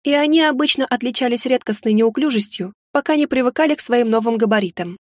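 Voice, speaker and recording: A woman reading a first-person audiobook in a lively, wry storytelling manner. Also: a little high, fast, no room sound, studio quality. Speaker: audiobook narrator.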